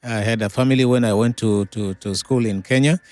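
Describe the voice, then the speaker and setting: A middle-aged man from Tanzania, a pastor, telling his life story as an interview guest in an unhurried way with many pauses and fillers. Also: fairly low pitch, steady tone, a little mellow, no room sound.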